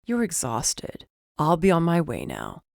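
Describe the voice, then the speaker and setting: A woman voicing a wry, deadpan male police detective in an audiobook. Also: sits low, a little slow, vocal fry, dry recording, studio quality, full character voice.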